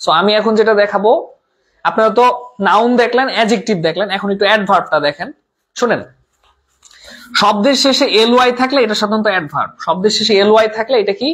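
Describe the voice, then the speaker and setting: A man's voice: high voice, fast, a bit bright, slightly rough. A man teaching a live online class, repeating terms, asking and answering his own questions, and mixing English words into his talk. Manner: reads out viewer comments.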